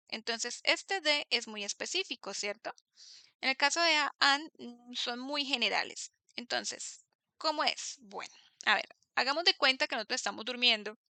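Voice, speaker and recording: A woman teaching English grammar in class, explaining patiently, slowing down to model example words and often checking that students follow. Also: a little high, vocal fry, sharp tone, clear, resonant tone, no echo. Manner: patient, keeps checking understanding with tag questions.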